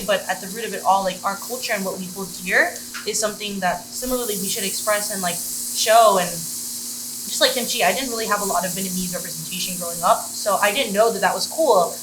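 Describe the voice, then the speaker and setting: Amid sizzling food in a roomy, noisy room, this guest, a content creator from Middleburg, Florida, in the United States, shares personal stories in an earnest, casual way, leaning heavily on "like." She speaks a little fast at a medium pitch.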